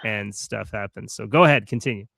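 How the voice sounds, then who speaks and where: Man, podcast host, fairly low voice, dry recording, reflective, supportive. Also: fairly quick, vocal fry, bright, forceful tone, dry recording. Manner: supportive, reflective, with repeated phrases. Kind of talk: casual interview talk.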